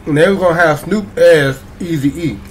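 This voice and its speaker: A man's voice: a little high, a little hiss or hum. Hyped-up male reaction vlogger. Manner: excitable, slangy, drawn-out hype shouts, singsong ad-libs. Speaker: YouTube reaction channel host. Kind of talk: hyped casual vlog intro.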